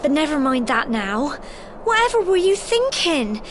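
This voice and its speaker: A plucky young village woman in a video game, her voice very high and lively as it swoops up and down. She talks slowly and deliberately. Loud game music plays behind her. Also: slight background noise. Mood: scolding, proud. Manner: plucky, fond of mild exclamations.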